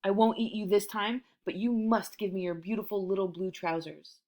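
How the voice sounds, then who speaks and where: A woman's voice: mid-range voice, fairly even intonation, moderate pace, a little mellow, lightly acted. A woman voicing a greedy, boastful male tiger while reading a children's story aloud. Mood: demanding.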